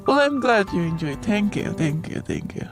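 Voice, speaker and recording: A woman's voice: medium pitch, very animated, moderate pace, music in the background. A woman talking through a voice changer that makes her sound muffled and underwater, reacting with amused surprise.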